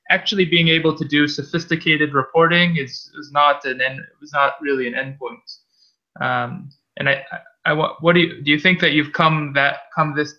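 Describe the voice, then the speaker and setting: A man leading a remote work meeting, talking in halting restarts while his call connection keeps breaking up. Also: medium pitch, bright, forceful tone. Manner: halting, restarts sentences, searching for words. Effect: choppy call audio breaking up. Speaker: technical team lead. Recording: lo-fi dropping online call line.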